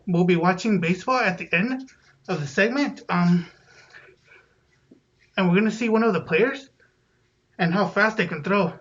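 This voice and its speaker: A man's voice: high voice, moderate pace, long pauses, fairly bright tone. A man co-hosting a casual school live stream, speaking hesitantly with many ums. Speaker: co-host. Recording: dull, muffled sound.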